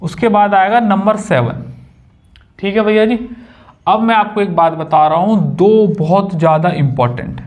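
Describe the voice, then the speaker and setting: A man's voice: high-pitched, normal speed, a little mellow. A young man teaching a maths lesson at a whiteboard, chatty and casual, joking with his students.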